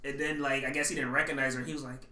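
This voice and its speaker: A man's voice: mid-range voice, flat delivery, racing, sharp tone, reverberant. A man co-hosting a casual podcast, telling anecdotes and mimicking people as he goes. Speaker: podcast co-host. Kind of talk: casual chat.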